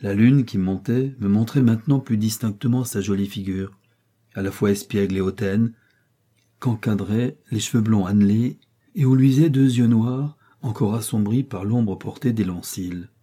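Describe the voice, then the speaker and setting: Husky man reading a classic tale. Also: on the low side, moderate pace, warm tone. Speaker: audiobook narrator. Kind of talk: scripted narration of a classic novella.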